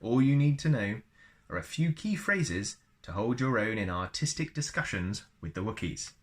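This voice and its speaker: Here a man with a fairly low, sing-song voice narrates a book at normal speed. He tells it like a storyteller, chatting freely and slipping into casual asides about himself.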